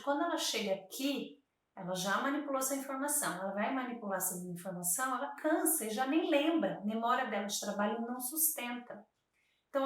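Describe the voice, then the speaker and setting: A woman's voice: on the high side, fairly bright tone, distant mic. Woman speech therapist in an echoey room. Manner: patient, slow syllable-by-syllable demonstrations. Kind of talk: educational explanation to camera.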